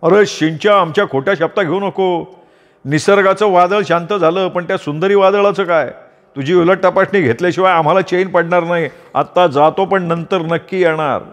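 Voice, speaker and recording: A man's voice: high-pitched, normal speed, long reverb tail, pitched above the performer's own voice, lightly acted. A man voicing a nosy, meddling old male neighbour who scolds and needles. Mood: scolding. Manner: scolding, needling, mock-righteous.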